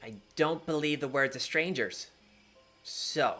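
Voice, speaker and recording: A man's voice: on the high side, unhurried, bright, forceful tone, soft background music, pitched above the performer's own voice. A man voicing a small, flighty female pixie-like skyport keeper in a tabletop game, impish, childlike, blunt and giggly. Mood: bossy, dismissive.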